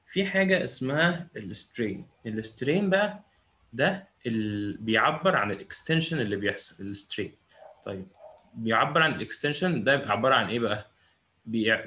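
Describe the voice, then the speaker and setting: Giving a classroom physics lecture, a young man with an Egyptian Arabic accent speaks at a medium pitch with a slightly bright tone. He tends to raise rhetorical questions and supply the answers himself.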